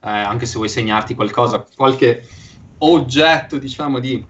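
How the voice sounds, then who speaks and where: A man's voice: medium pitch, unhurried, a bit bright. A man narrating a tabletop horror game as game master, explaining scenes and rules with many fillers. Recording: dull lo-fi sound with faint noise.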